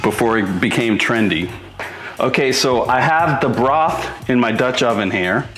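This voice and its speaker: Indoors in a home kitchen, a middle-aged man from Boston, USA, hosts a casual cooking show in an unhurried, medium-pitched, fairly bright voice. He speaks informally and thinks aloud, while the recording picks up roomy echo and background music.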